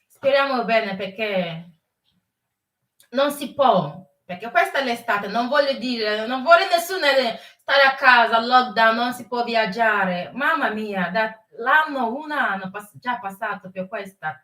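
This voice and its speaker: A woman hosting a casual live chat with viewers, mixing English and Italian and often pausing to search for words. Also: fairly high pitch, sharp tone, roomy sound, far from the mic. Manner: mixes English and Italian while greeting viewers. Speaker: live stream host.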